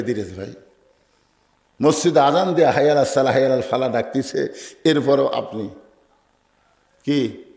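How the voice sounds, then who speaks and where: Male Bangladeshi waz preacher, raised pitch, dramatic storyteller, roomy loudspeaker sound. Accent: Bangladeshi Bengali. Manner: dramatic, swings from loud cries to hushed quoted lines. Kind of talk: emotional waz sermon with storytelling.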